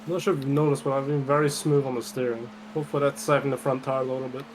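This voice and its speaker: A man's voice: mid-range voice, flat delivery, racing. A man in casual voice-chat banter, joking and chatting as he drives a sim race. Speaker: sim racing driver streaming a team endurance race. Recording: noisy game-audio background.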